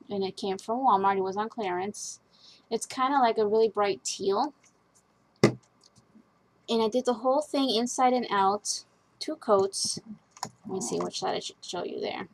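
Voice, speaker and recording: A woman's voice: mid-range voice, slight background noise, low-quality recording. A woman talking casually at her craft desk, chatty and rambling with fillers as she walks through a project. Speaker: craft vlogger.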